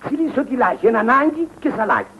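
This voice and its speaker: Bumbling shop helper, stammering, halting, very high voice, lively pitch. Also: male voice, lo-fi sound, slight background noise. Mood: pleading, sheepish. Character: sleepy bumbling middle-aged male shop helper. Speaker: father of three.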